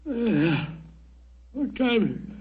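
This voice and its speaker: High, husky, blustering British doctor. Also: male voice, big pitch swings, slow pace, heavily acted. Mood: weary, glum. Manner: stammering, muttering, flustered. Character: loyal, blustering, bumbling older English doctor. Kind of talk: 1940s radio acting. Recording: muffled old radio recording.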